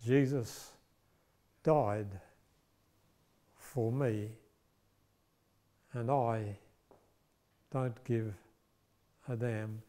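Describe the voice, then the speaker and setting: A man voicing a young male skeptic who speaks in a hushed, halting way. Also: mid-range voice, lightly acted. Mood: shaken. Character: young male skeptic, defiant yet shaken.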